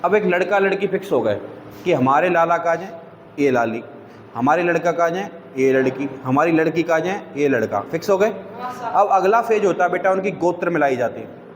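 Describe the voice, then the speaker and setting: High-voiced male teacher, echoey classroom. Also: expressive, moderate pace, a little hiss or hum. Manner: quizzes students with repeated questions, calls them beta. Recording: echoey room with long reverb.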